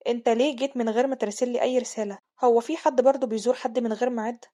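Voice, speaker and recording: Brief: woman reading an anxious, prickly young duchess, Egyptian accent, fretful questions, very fast pace. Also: a little high, fairly even intonation, dark tone, lightly acted. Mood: irritated. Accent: Egyptian Arabic. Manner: fretful, repeating worried questions.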